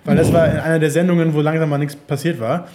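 A man's voice: fairly high pitch, little pitch movement, fast, a little mellow. A man chatting casually on a podcast, rambling with restarts and frequent laughs. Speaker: podcast host.

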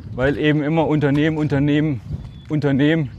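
His voice sits on the high side, fairly even and darkish in tone, and he talks fast; the audio is dull with a little hiss or hum. He's a podcast guest in his forties from the Altmark in northern Germany, slightly Swabian in accent, reflectively telling casual stories in short phrases with drawn-out words.

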